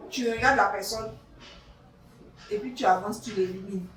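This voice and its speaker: A woman co-hosting a casual debrief chat, talking in an animated, emphatic way and often repeating herself. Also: medium pitch, moderate pace, a little hiss or hum. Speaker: co-host of a reality show debrief. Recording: roomy echo, distant mic, faint ambience.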